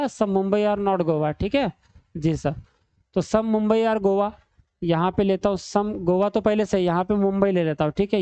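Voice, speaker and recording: Teasing and talkative, this man runs an exam-prep reasoning class in front of a screen and addresses students as beta (son) and bhai (brother). His voice sits high with a clean, darkish tone, and the audio is dull with no echo.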